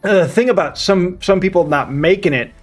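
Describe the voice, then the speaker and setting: A man streaming a game in his thirties talks casually with viewers, rambling along and frequently repeating himself. His voice sits high and his pace is brisk, with faint music behind him.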